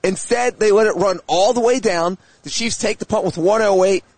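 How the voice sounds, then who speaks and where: A man's voice: high voice, moderate pace, dry recording. A man methodically walking through game clock details in a casual sports chat. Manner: methodical, walks through the numbers. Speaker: sports analyst.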